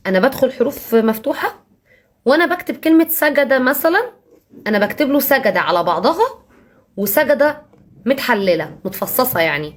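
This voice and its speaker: A fairly high-voiced woman with an Egyptian Arabic accent talks parents through her teaching method. She is lively and emphatic, repeats words for stress and slows right down when she spells out examples. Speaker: Arabic teacher for young children. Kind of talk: explanatory talk to parents.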